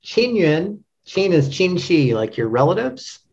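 In dull, lo-fi audio, a man who translates literature chats casually as a podcast guest, his voice sitting high with a sing-song, creaky, slightly mellow and husky quality. He speaks haltingly, thinking out loud and repeating himself.

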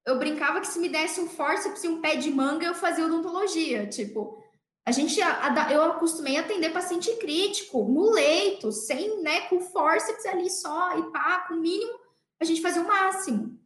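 A young Brazilian woman dentist talks in a high, bright register. She tells a story to fellow professionals in a casual, chatty way and keeps checking in with her listeners. The voice rings in an echoey room. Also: moderate pace. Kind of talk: casual storytelling to an audience of colleagues.

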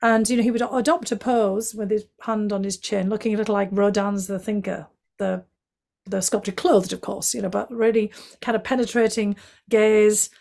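With a mid-range voice that carries vocal fry and a slightly mellow tone, this middle-aged woman talks at normal speed with fairly even intonation. Her Northeast English accent marks her as from County Durham, England. As a guest and former intelligence analyst, she gives fluent, candid interview answers studded with fillers.

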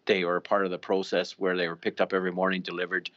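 Police boss answering questions, super low voice, slow official talk with lots of uhs, muffled audio. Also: male voice, monotone, a bit bright. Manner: deliberate, official, with frequent uh fillers. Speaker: police deputy commissioner. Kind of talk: news interview answers.

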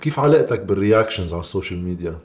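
A man's voice: sits low, lively intonation, rapid-fire, a little mellow, slightly rough. A man with a Lebanese Levantine Arabic accent, interviewing a guest casually as a podcast host.

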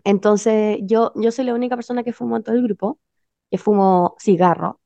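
A woman's voice: mid-range voice, fairly even intonation, normal speed, gravelly, dark tone, no echo. A young woman with a Chilean Spanish accent telling a story over a video call, casual and full of slang and fillers. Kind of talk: casual chat among friends. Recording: muffled lo-fi sound.

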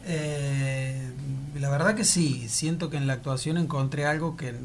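An Argentine actor answers questions in a casual interview, speaking with an Argentine accent and rambling reflectively with many restarts. His voice is fairly high and unhurried, with a little hiss or hum in the recording.

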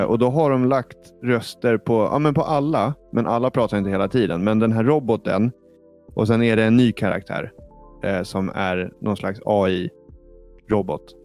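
A man hosting a casual gaming podcast, telling stories with lots of fillers and restarts. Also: fairly low pitch. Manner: animated storyteller, many fillers. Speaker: podcast host.

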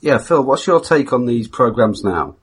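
A man's voice: medium pitch, animated, normal speed, husky. A man co-hosting a podcast, posing a question to the guest in hesitant, searching phrases. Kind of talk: casual interview questions.

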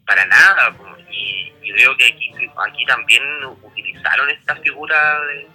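Bright-voiced Chilean man, rambling chat. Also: medium pitch, expressive, moderate pace, slightly rough, faint music behind, rough recording. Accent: Chilean Spanish. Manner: rambling, many restarts and fillers. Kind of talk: casual history discussion.

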